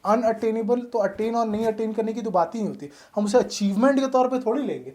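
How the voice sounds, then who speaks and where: A woman teacher working through exam questions step by step. She reads each question aloud slowly and checks in with her listeners often. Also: on the high side, warm tone. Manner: explains step by step, checks in often with filler phrases. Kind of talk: explanatory video lesson. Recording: roomy echo.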